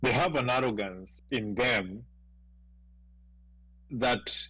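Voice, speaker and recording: A man's voice: medium pitch, slow pace, pushed and bright, husky, dry recording, rough recording. A man with a Kenyan accent in a casual panel discussion, talking emphatically and repeating words as he presses a point.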